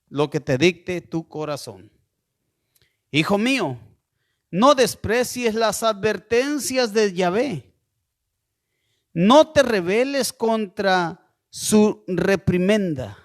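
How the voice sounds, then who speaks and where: Preacher guy, talks real slow, high-ish voice, keeps asking "¿sí?". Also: expressive. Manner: slow, deliberate preaching with frequent rhetorical "¿sí?"; asks listeners to send messages. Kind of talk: sermon.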